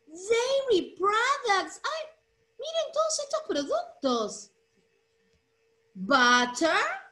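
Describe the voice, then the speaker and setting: Slow singsong woman teaching English. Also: high-pitched, sharp tone. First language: Spanish. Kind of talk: bilingual children's English lesson.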